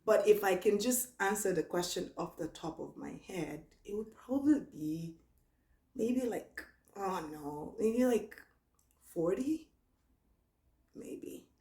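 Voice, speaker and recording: A young woman with a Nigerian accent, chatting casually through a question-and-answer vlog and reading each question aloud slowly. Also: medium pitch, expressive, darkish tone. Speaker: vlogger. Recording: echoey room.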